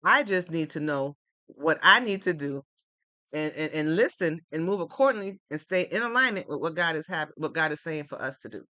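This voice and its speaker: A man's voice: on the high side, animated, moderate pace, sharp tone, dry recording. A man hosting a live stream, giving earnest, repetitive, faith-based encouragement to viewers. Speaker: livestream host. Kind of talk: motivational live-stream talk.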